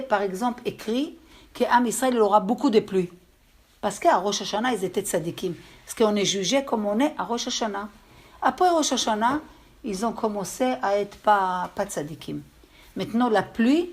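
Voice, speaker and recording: A woman with an accent giving a religious lesson to a group, telling stories in a halting way and often checking that her listeners understood. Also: mid-range voice, lively intonation, husky. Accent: speaks with an accent. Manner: storytelling, with halting restarts. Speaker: religious teacher. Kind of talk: lecture to a group.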